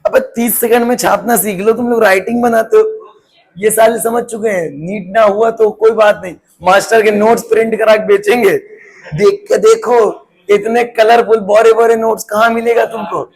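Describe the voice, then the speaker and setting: A man's voice: high-pitched, fairly even intonation, moderate pace, a little mellow. A man. He teases and banters with his students between explanations, in a classroom. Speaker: physics teacher. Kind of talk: joking classroom lecture.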